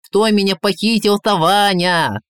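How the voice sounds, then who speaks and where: A man voicing the Tsar, an excitable, frightened old man who chatters breathlessly in a high voice. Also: measured pace, smooth, dry recording, clean studio sound. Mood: excited chatter.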